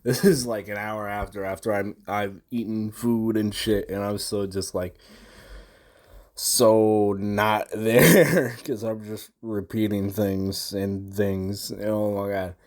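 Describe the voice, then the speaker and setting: Young male gamer, slow drawl, slangy and sweary, rambling vlog recap. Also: on the low side, level tone, a little mellow. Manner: slangy, profane, rambling with restarts. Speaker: gamer recounting a boss fight.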